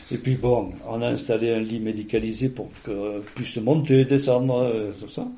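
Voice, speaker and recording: A man's voice: medium pitch, steady tone, normal speed, warm tone. A man being interviewed, recounting a personal story in a casual, rambling way with many restarts and fillers.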